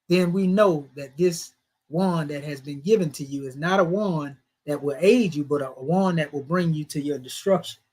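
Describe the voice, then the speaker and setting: A man with a Southern US accent teaching scripture in a sermon style, asking rhetorical questions and pressing his points with rising and falling emphasis. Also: high-pitched. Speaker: religious teacher.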